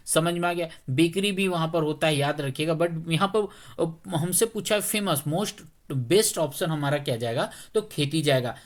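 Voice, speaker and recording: A male teacher, a little under the weather, talking slowly through exam questions in a conversational way and often checking whether students follow. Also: a little high. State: slightly unwell, speaking slowly.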